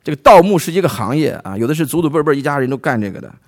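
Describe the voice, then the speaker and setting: A man's voice: a little high, sing-song, rapid-fire, darkish tone. A male preacher from China gives a Bible sermon, retelling the story with rhetorical questions to his listeners.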